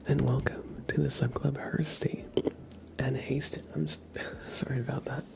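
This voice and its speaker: A livestream host with a mid-range voice, little pitch movement, and vocal fry whispers ASMR-style as he reads and thanks his chat. His whisper is soft and slow, broken by light chuckles, and the close microphone catches mouth sounds.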